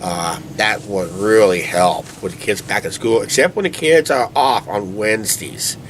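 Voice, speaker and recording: It's night, outside near a shed, where a vlog co-host with a stuffy nose has a beer and talks to his tripod camera. His lowish voice moves at a moderate pace through filler-heavy, meandering chat full of "uh, basically," over a faint hiss or hum.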